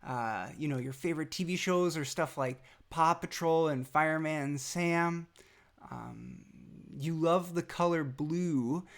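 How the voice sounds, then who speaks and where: Speaking a little high and at a measured pace, a young adult man records a birthday message for his small son, days after having nose surgery. The casual personal message is rambling and affectionate, with plenty of fillers and restarts.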